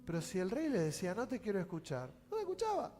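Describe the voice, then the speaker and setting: A pastor with a Rioplatense Spanish accent preaching a sermon, swinging from loud outbursts to hushed, slow pleading. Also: male voice, high-pitched, huge pitch swings. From Argentina. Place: church sanctuary. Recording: church hall reverb with music.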